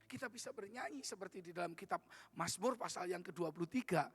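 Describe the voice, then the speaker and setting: A man pastor preaching a sermon in church, emphatic, calling for amens and swinging from loud to soft. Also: high-pitched, quick pace, husky. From Indonesia. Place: church worship service.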